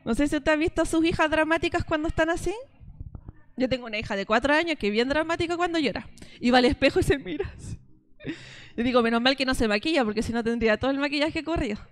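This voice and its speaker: Speaking fast in a high voice, this Chilean preacher in her thirties delivers a testimonial sermon to a women's church group. She tells stories and talks straight to the women, calling them sisters.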